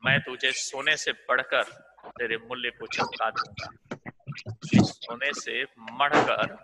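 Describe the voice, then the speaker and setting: A man's voice: mid-range voice, natural voice. A man voicing a wealthy merchant who coaxes a little bird to stay, in a noisy recording. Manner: coaxing, persuasive.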